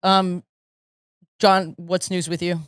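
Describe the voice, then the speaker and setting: A woman co-hosting a comedy podcast, quick and teasing, bluntly joking with her co-hosts. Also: fairly low pitch, flat delivery, smooth, no room sound, clean studio sound. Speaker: podcast co-host. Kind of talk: casual comedy chat.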